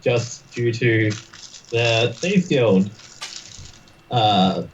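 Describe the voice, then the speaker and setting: A man's voice: mid-range voice, very slow, a little hiss or hum. A man chatting casually as a player in a tabletop game, on a muffled, distant mic.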